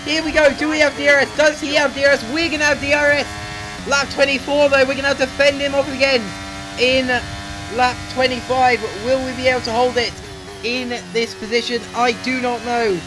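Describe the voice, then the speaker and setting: This gaming YouTuber, a young man, speaks at an extremely high pitch in a level tone and a fairly quick pace against a noisy background. Breathless and urgent, he narrates every move of his racing game as it unfolds, with game music clearly audible under him.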